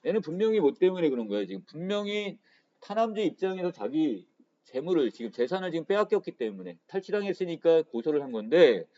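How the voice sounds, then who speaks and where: Animated Korean literature teacher, dull lo-fi audio. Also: male voice, on the high side, fairly quick. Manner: frequent "자" fillers, asks students questions then answers them. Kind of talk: exam prep lecture.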